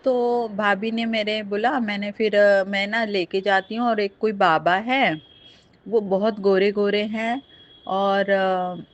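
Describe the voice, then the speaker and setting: A woman's voice: medium pitch, fairly even intonation, slow pace. A middle-aged woman earnestly telling a devotional testimony, speaking straight to her listeners. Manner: earnest, addresses listeners directly. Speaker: satsang storyteller. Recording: dull lo-fi recording.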